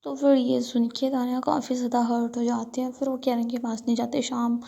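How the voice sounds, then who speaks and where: A woman's voice: on the high side, flat delivery, a little fast, gravelly, mellow. A young woman casually retelling a love story in a chatty way, leaning on fillers and acting out the characters' lines in her own voice, sitting alone in a room with outside noises coming in.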